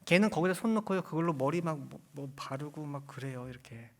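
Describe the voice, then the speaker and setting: A male pastor preaching a sermon, putting questions to his congregation and swinging between soft asides and loud emphasis. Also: fairly high pitch, brisk. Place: church sanctuary.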